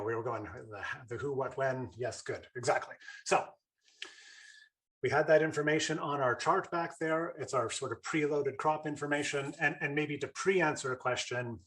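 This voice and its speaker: A man's voice: mid-range voice, a bit bright. Chatty man teaching a webinar. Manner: chatty, with fillers and repeated starts. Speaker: webinar presenter. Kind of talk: casual online teaching.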